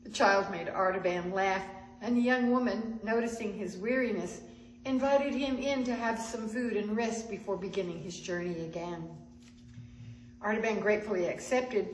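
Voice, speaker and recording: A woman narrating a Christmas story at a spiritual center service, gentle and expressive with small restarts. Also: mid-range voice, slight background noise. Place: church sanctuary. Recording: echoey sanctuary with faint ambience.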